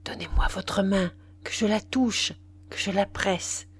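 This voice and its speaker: Woman reading young man in love, passionate pleading, slow unhurried delivery, audiobook character. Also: fairly high pitch, lively intonation, a little mellow, a little hiss or hum, pitched above the performer's own voice. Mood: ardent.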